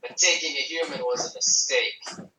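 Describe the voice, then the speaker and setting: A man's voice: medium pitch, moderate pace. A man playing a tabletop game, speaking casually and partly in character as a player. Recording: distant, echoey, noisy room recording.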